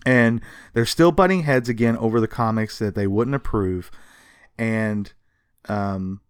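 A man with a fairly low, clear and resonant voice speaks at a measured pace while co-hosting a podcast. He tells comics history casually and emphatically, with sarcasm and some swearing, and the clean studio sound carries no echo.

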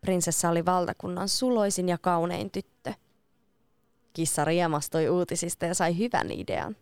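Smooth-voiced woman narrating a fairy tale. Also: lowish voice, no echo. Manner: lively, expressive. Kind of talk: storybook reading.

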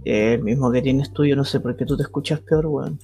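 A man's voice: medium pitch, moderate pace, warm tone. A man chatting casually and joking, with faint music behind. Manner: joking, playfully acts out voices. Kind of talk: casual chat.

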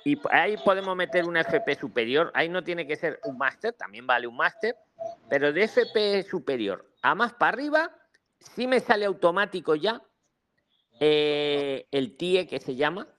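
Animated man explaining. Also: fairly high pitch, moderate pace. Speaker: host of an online immigration advice session. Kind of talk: live video call Q&A.

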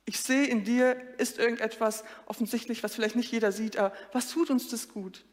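In a brisk sermon, the woman's fairly high voice carries a long reverb across the church hall. She preaches vividly through story, often speaking directly to her listeners in the pews.

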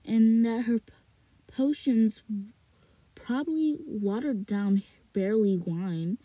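Recorded in a small closet with no echo, a woman slowly reads a novel aloud for her podcast, then slips into rambling casual chat full of fillers, restarts, and repeated words. Her voice is a little high and warm with a breathy edge, and the recording quality is low.

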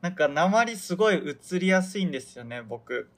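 A man's voice: high-pitched, animated, normal speed, fairly bright tone. Chatty young man, rambling solo radio talk. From Hokkaido, Japan. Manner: rambling, chatty, loses his thread and laughs at himself. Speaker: podcast host. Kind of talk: casual solo radio chat.

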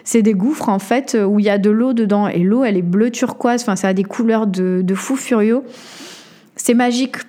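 A woman hosting a podcast, telling a personal story in an animated way, full of hesitations and fillers. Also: mid-range voice, moderate pace. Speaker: podcast host.

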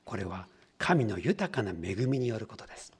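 Speaking at normal speed in a lowish, slightly rough voice, this very animated pastor preaches a sermon. He teaches by asking the congregation questions and performs little everyday scenes in different voices.

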